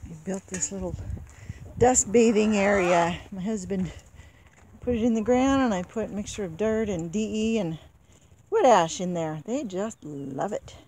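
A woman's voice: mid-range voice, animated, unhurried, a little mellow. A woman keeping backyard chickens, chatting casually and unhurriedly as she walks the yard and talks to her hens. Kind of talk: casual walk-along narration. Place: outdoor yard and chicken pens. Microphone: handheld camera. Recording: noisy outdoor camera audio.

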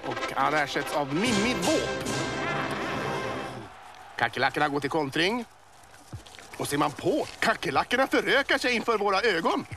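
A man voicing an excitable male boa snake who commentates a cartoon sports match, working up to yells at the goals. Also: sits high, noisy background. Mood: excited. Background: music.

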